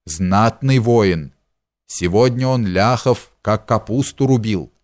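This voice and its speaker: A man reading the part of a loyal, devout servant in an audiobook, slow and low. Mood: earnest. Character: loyal devout male servant, gruff and plain-spoken.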